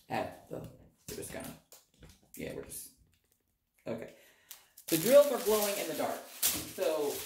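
A woman vlogger doing a chatty, excitable unboxing, recorded by phone in a small bathroom with the door closed, so her voice echoes. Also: a bass voice. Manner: excitable, self-deprecating chatter. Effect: echoey bathroom sound. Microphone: phone camera. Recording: echoey bathroom, faint background noise.

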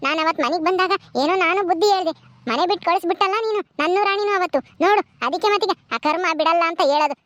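A woman playing a gloating spiteful village woman. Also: extremely high pitch. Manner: taunting, sharp and preachy. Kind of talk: village family drama.

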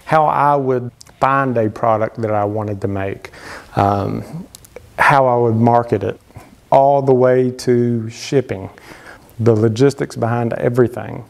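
A woodworking channel host in his thirties talks casually to camera from his wood-paneled home workshop, gesturing a lot and using frequent fillers as he gives advice. His mid-range voice has vocal fry and a measured pace, and the workshop leaves a long reverb on the recording.

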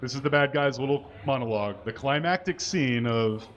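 A medium-pitched man reads fan fiction aloud at normal speed for a live comedy audience, exaggerating with mock earnestness and spelling out each mistake and punctuation mark. The setting is a small indoor stage with curtains, and he speaks into a microphone on a stand. The recording is muffled, with background noise.

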